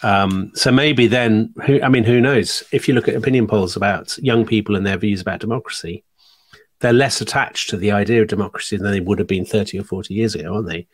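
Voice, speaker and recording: A middle-aged podcast co-host chats casually and reads listener comments, wry and fond of tag questions. His voice is fairly low, husky, and fast, with a dry recording.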